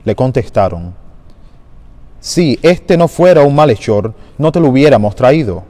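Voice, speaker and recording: A man giving a measured, solemn liturgical Gospel reading at a Good Friday service in a large church. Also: mid-range voice, animated, mellow. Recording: long church reverb.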